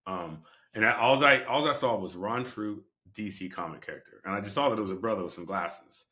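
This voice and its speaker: A male actor in an interview, telling an animated anecdote and acting out both sides of the conversations. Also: fairly low pitch, a little fast. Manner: lively storyteller, acts out both sides of conversations.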